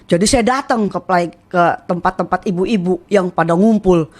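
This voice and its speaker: A woman giving a church testimony about her past as a shaman, telling it in a lively way and acting out the people she quotes. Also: on the low side, moderate pace. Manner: animated storytelling, acting out quoted voices.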